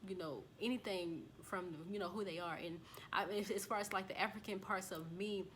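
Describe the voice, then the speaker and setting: With a medium-pitched, steady voice at a moderate pace, an American woman chats to camera while going over results on a screen. She's from the United States and talks loosely with many fillers and restarts; her tone is a bit bright, with a little hiss or hum in the recording.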